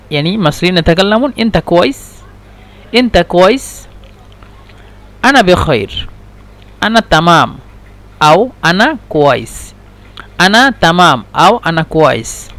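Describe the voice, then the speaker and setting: Slow, repetitive male Arabic teacher. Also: high-pitched, fairly bright tone. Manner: repeats each phrase several times, slow and deliberate; hesitant, with many fillers and restarts. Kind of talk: slow repetitive language lesson.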